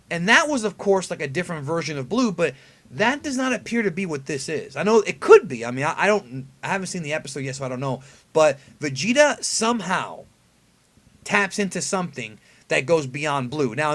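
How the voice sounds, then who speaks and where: A man's voice: on the high side, a bit bright. A man hosting casual, conversational fan commentary on an anime episode preview, emphatic and given to rhetorical questions. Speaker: anime review video host.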